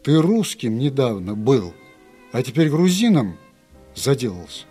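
A man voicing a huge hot-tempered sculptor who shouts and scolds loudly. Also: medium pitch, big pitch swings, a little slow, breathy edge, soft background music. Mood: furious. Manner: shouting, furious.

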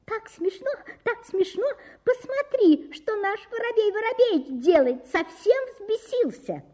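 A woman's voice: very high voice, animated, measured pace, darkish tone, voice pushed up. A woman voicing a cheeky little female titmouse who chirps and giggles. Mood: giggly.

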